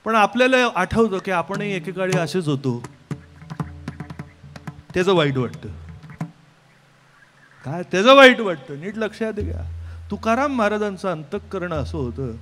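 A man giving a devotional kirtan sermon, with rhetorical questions and sudden swings from soft to loud. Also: on the high side. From Mumbai, India. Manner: rhetorical, keeps asking "kay", swings between soft and loud. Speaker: kirtan preacher.

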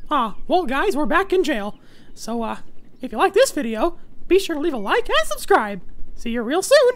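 A man voicing a small, excitable cartoon mouse in a squeaky falsetto, commentating on a video game in character. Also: moderate pace, full character voice. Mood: calm, friendly. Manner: excitable, exclaiming, panics easily.

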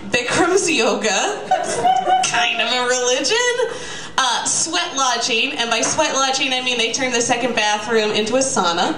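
A young woman with a high voice delivers a stand-up style comic monologue to a live audience at a live reading, sardonic, emphatic and casual. The recording comes from a small bistro venue, echoey with a distant mic and the crowd audible.

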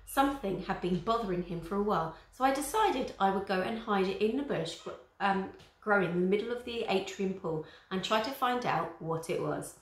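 A woman reads a children's storybook aloud like a teacher, at an ordinary middle pitch, chatting to her young listeners between passages. Her voice bounces around a roomy space. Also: lively intonation, fairly quick, hardly any pauses. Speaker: teacher reading a book aloud. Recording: roomy echo.

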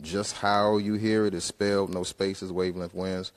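A man's voice: sits low, moderate pace. A man in his thirties, a rapper, talking into a handheld mic on a concert hall stage and then rapping in punchy rhythm. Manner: relaxed talk trailing off quiet, then punchy rhythmic rap. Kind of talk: interview answers, then rapping over live winds. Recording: live music in a hall.

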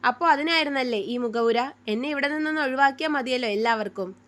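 A woman voicing a bitter, jealous young woman who flares into sharp, resentful outbursts in a read-aloud story. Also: high voice, quick pace. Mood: resentful, shouting.

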